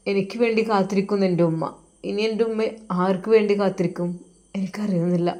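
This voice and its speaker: A woman's voice: medium pitch, steady tone, natural voice. Woman voicing a heartbroken young cleric. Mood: grieving. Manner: sorrowful, halting, soft-spoken.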